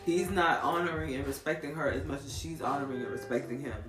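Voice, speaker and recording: A woman's voice: low voice, fast talker, echoey room, recorded from a distance, loud music behind the voice. A young woman co-hosting a podcast in casual chat, earnest and questioning, with repeated phrases. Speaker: podcast co-host.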